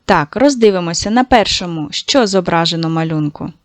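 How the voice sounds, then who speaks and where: A woman teaching a recorded lesson to young schoolchildren, patient and encouraging, slowly stretching out sounds to show how they are said. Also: lowish voice, animated, no echo. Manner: praising, addresses children directly.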